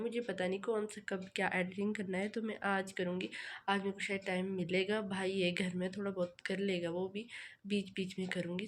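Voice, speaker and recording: A young woman vlogger from the hills of northern India, chatting fast and rambling with many fillers, sounding tired. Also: medium pitch, a little hiss or hum. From Himachal Pradesh, India. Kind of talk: casual vlog chat. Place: home.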